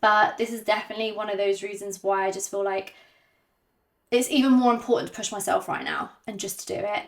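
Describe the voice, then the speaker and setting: A woman vlogging to camera without a script, hesitant and self-conscious, with many ums and pauses, and slightly out of breath. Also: medium pitch, gravelly. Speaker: YouTuber. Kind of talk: unscripted talk to camera.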